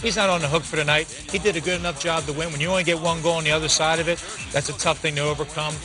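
A man in his forties giving post-game hockey analysis in a TV studio, talking fast with restarts, on a lapel mic. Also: a little high, music in the background. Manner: fast, animated talk with restarts, gesturing with hands. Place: TV studio set.

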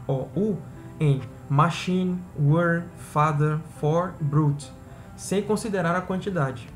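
Brief: male podcast host, slightly high voice, careful reading mixed with casual asides, faint music underneath. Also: a little mellow. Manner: reads passages slowly, then adds casual asides. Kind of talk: reading aloud and explaining pronunciation rules.

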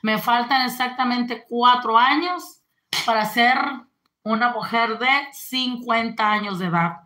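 Bright-voiced chatty woman in her forties. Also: on the high side, a little slow. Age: 40s. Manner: chatty, greets viewers, reads out comments. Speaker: live-stream host. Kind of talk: casual live-stream chat.

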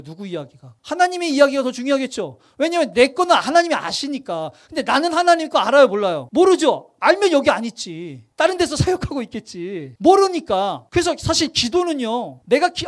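A male pastor preaching at a Wednesday evening service, conversational and full of questions to his congregation, acting out sample prayers. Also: extremely high pitch. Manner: acts out prayers in quoted voices.

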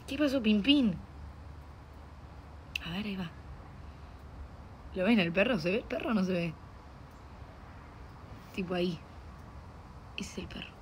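A woman's voice: mid-range voice, expressive, unhurried, long pauses. Chatty young Argentine woman streaming. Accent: Rioplatense Spanish. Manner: chatty, playful, talks to her dog and chat. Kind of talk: casual live-stream chat. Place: home. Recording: noisy home stream audio.

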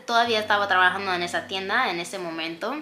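Bright-voiced young woman telling a story. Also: medium pitch, quick pace, soft background music. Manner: candid, mixes in English words. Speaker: vlogger. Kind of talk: storytime narration.

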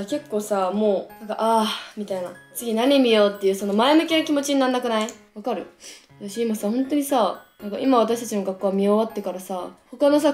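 A young woman in her twenties, a vlogger chatting casually to camera, slangy and lively with playful exaggeration. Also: fairly high pitch. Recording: echoey room with faint music. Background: faint background music.

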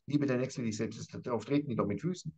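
A man's voice: medium pitch, very fast, dark tone, husky, highs cut off. A man lecturing as a professor on a Bible passage, emphatic and repetitive, often turning to his interviewer by name. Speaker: professor teaching scripture. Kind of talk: animated conversational Bible lesson.

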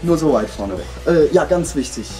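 Man casually announcing giveaway, bright voice. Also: fairly high pitch, lively intonation, moderate pace, soft background music, rough recording. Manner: informal, chatty, addressing viewers directly. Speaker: video channel host. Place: indoors in a home room.

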